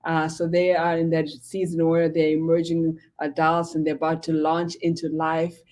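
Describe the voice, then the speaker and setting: A woman's voice: sits low, monotone, normal speed. Woman from Zimbabwe, storytelling pastor. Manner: warm storytelling with frequent fillers. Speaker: pastor and guest. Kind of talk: casual interview talk.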